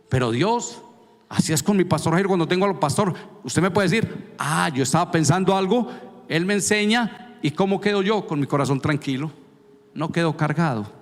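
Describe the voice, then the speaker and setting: A man preaching a sermon in a church, emphatic and conversational, often repeating questions. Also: a little high. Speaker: pastor. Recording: long reverb of a church hall.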